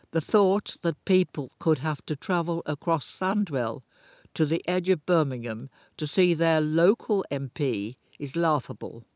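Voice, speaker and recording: A man reading local news stories aloud in a slow, deliberate way, with the odd dry aside. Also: fairly high pitch, no echo. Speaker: news reader.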